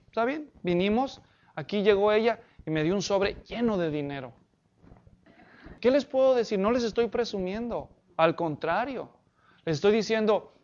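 Man, pastor, sermon, emphatic, asks the congregation questions, muffled sound. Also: high voice.

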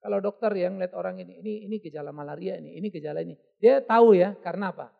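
Male pastor, gravelly voice, animated sermon delivery, dull lo-fi tape. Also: high-pitched, very fast. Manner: lively, conversational preaching with quoted asides. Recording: dull lo-fi audio.

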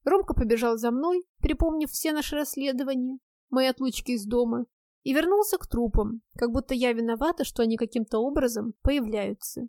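A woman's voice: sits high, a little fast, dark tone, no echo, clean studio sound. A woman narrating a first-person audiobook in a wry, ironic manner.

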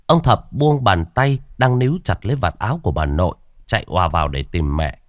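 A man reads a spooky story aloud in a low voice with a lively, swinging melody. The recording is close and dry, with no room sound. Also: brisk, dry recording. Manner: expressive storytelling. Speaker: narrator. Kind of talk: scripted horror story narration.

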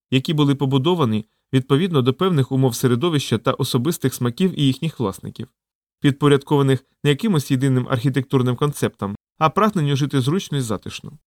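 A man voicing a young man who speaks in a solemn, measured way. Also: mid-range voice, darkish tone, no echo, studio quality, close to an everyday voice.

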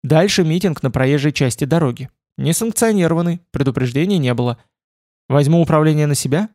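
A man puts on a female AI assistant steering a car in an audiobook story, her voice raised above his own and soft but businesslike. Her politeness carries a sly teasing edge. The sound is dry and close. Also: fairly high pitch, fairly quick, no echo, lightly acted. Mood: brisk.

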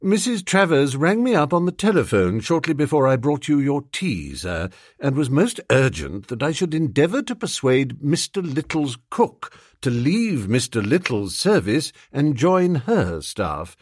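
Audiobook: male reader as a deep, unflappable valet, formal and measured, dry close sound. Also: big pitch swings, darkish tone, dry recording. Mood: composed. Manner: low, measured, formal and unruffled. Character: imperturbable, deferential manservant.

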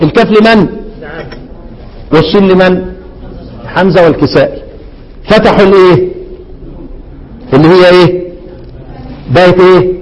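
Egyptian male sheikh, high voice, questioning students, slow chanted verses, reverberant hall. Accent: Egyptian Arabic. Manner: keeps quizzing students with questions, repeats answers; drawn-out chanting when reciting verses. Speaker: Quran recitation teacher. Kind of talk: classroom explanation of a recitation poem.

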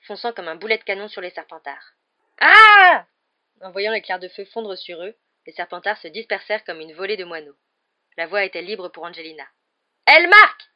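Low-voiced woman reading a novel aloud. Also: highs cut off. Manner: lively storytelling reading. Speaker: audiobook narrator. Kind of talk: scripted narration of a novel.

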